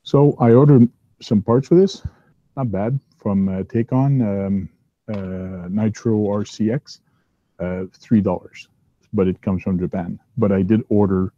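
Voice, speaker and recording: Working on a hobby at his downstairs bench at home, the host, a man with a big, lowish voice, leads a casual chat and rambles along with lots of ums and uhs. The recording is dry and lo-fi.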